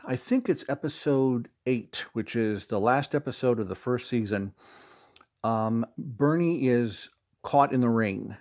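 A middle-aged American man from Fort Wayne, Indiana, an audio drama creator and stage actor, chats as an interview guest, telling anecdotes with emphatic stresses. His voice is mid-range with a darkish tone.

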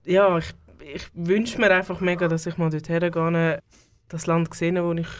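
A woman's voice: on the low side, flat delivery, moderate pace, a little hiss or hum. Hesitant Swiss German woman. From Switzerland. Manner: hesitant, many fillers and restarts. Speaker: studio guest singer. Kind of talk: radio interview. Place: radio studio.

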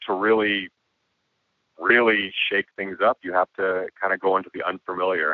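A man with a hoarse voice, a guest musician and filmmaker talking reflectively in a casual interview. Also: sits low, dry recording. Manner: reflective, with frequent restarts and laughs. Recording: tinny phone-like line.

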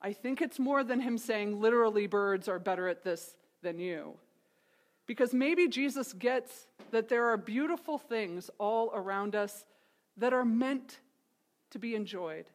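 Woman pastor, middle-aged, sermon delivery, conversational and wry, a touch high. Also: lively intonation, unhurried. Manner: wry and conversational, with playful asides.

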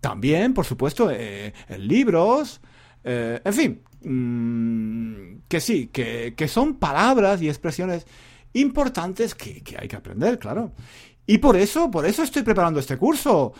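At a measured pace, a male Spanish teacher and podcaster offers a relaxed, rambling lesson monologue. His pitch rises and falls often while he chats. He tends to repeat himself, circling back over his own words in an informal spoken-lesson style.

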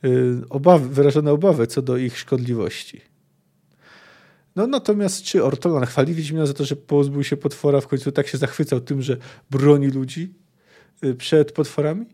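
A man's voice: medium pitch, moderate pace, mellow. A man hosting a book podcast, reading passages aloud and commenting on them in a thoughtful, hesitant way. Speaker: podcast host discussing a book.

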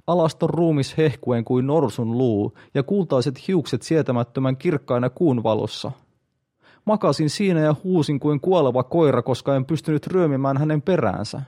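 A man's voice: mid-range voice, warm tone, lightly acted. A man doing a wild-eyed old warrior.

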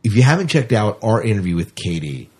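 Chatting informally on his podcast, a middle-aged man reads entertainment news with fannish excitement. His lowish voice is sing-song, brisk, a bit mellow and husky.

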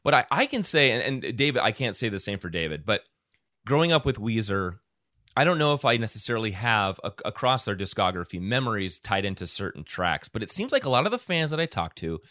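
Halting middle-aged man, dry close mic. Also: fairly low pitch, very animated, pushed and bright, dry recording. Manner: halting, restarts often, friendly questions. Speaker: podcast host. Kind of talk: casual podcast chat.

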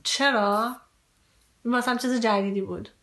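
A woman's voice: on the high side, steady tone, fairly bright tone. A woman co-hosting a casual podcast, chatting freely and steering the conversation with prompts and questions. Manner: chatty, leads the conversation, prompting her co-host. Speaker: podcast host. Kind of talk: casual co-hosted podcast chat.

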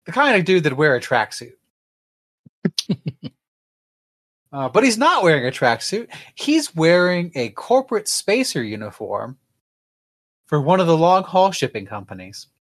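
A man's voice: a little high, big pitch swings, a little slow, long pauses, a bit bright. A man narrating as game master in a tabletop game, rambling and wry, with many fillers.

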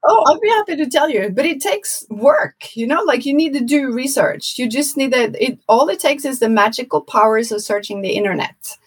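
A woman from Norway, speaking as a guest in a casual interview and explaining things in a measured way. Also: sits high, expressive, slightly rough. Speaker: guest painter.

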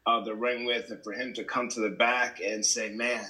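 A man speaks earnestly about respect in the business, often hesitating and restarting. His voice is bright and forceful, at a middle pitch. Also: little pitch movement, normal speed, rough recording. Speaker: veteran pro wrestler guest. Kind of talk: casual interview chat.

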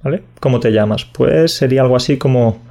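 Guy in his 20s from catalonia, podcast cohost, chatty, teaches phrases nice and slow. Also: medium pitch, gravelly, mellow. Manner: patient, teaching phrases slowly. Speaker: podcast co-host. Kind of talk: casual podcast chat.

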